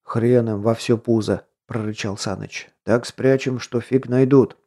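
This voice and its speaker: Gruff, weary worker holding down two jobs, blunt talk, dark voice, read by a male narrator. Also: mid-range voice, fairly even intonation, measured pace. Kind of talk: audiobook character voice.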